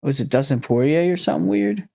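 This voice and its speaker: A man's voice: on the high side, lively intonation, quick pace, creaky, mellow, no echo. Loose, joking man on a dry close mic. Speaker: podcast host. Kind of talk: casual chat.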